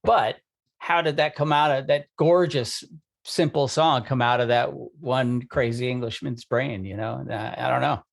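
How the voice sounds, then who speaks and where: A man's voice: medium pitch, normal speed, creaky. A man co-hosting a podcast, a musician who muses aloud, full of fillers and restarts. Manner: musing, filler-heavy. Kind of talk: casual conversation.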